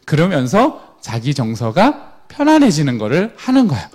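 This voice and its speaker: Man, middle-aged, parenting lecture, high voice, animated, swooping intonation. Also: moderate pace. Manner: animated, acts out quoted parents and children.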